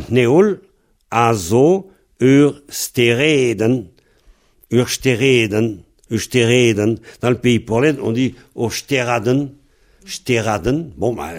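A man teaching a language lesson, patiently repeating words and phrases slowly so they can be pronounced. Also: mid-range voice, darkish tone.

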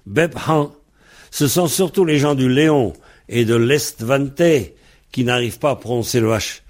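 A man from Brittany teaching a Breton language lesson, spelling words out letter by letter in a deliberate way. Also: mid-range voice, darkish tone.

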